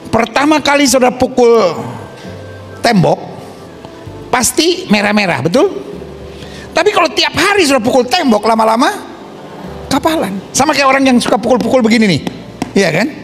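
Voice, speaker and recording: Pendeta pria, khotbah penuh gaya, suara tinggi dan naik-turun, musik samar di latar. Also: male voice, extremely high pitch, normal speed, long pauses, soft background music. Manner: animated, acts out scenes with put-on voices, asks the congregation questions. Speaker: pastor. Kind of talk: lively sermon.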